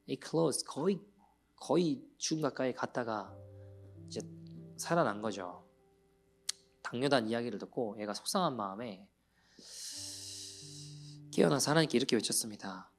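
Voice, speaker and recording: A pastor giving a Sunday sermon in a church, telling a story with feeling and dropping to soft near-whispers. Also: male voice, medium pitch, lively intonation, moderate pace, creaky, long pauses, faint music behind. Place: church sanctuary.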